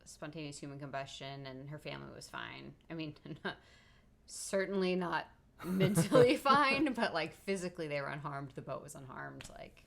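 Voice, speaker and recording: Woman, low voice, casual podcast co-host, filler-heavy chat. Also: normal speed, gravelly. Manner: chatty, many fillers like "like". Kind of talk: casual conversation.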